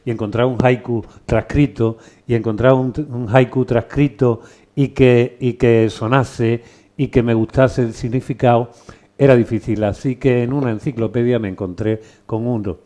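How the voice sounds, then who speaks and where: A middle-aged or older man with an accent from Spain hosts a live talk. His voice is dark and relaxed at an average pitch. He speaks informally, wandering through anecdotes and repeating phrases. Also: normal speed. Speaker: book presentation host. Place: live book presentation with microphone.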